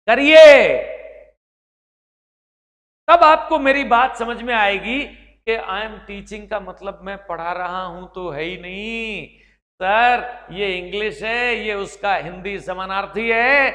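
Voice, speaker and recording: A man from Rajasthan with a Marwari accent teaches an English class emphatically, calling his students like his own children. His high, bright voice has a gravelly edge. The sound rings out with a long echo from the room. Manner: emphatic, calls students "beta". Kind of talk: classroom lecture.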